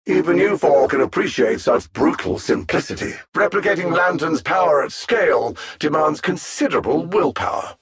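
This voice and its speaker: A male actor performs a conquering alien machine intelligence from a video game, condescending and cold, threatening with restraint and dry understatement. His husky voice runs on the high side and is expressive, carrying a cold, calculating mood.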